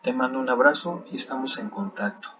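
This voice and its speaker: A man's voice: medium pitch, a little fast, bright, forceful tone. A man teaching a math lesson over a screen recording, thinking aloud as he checks his work. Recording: slightly dull sound with faint background noise.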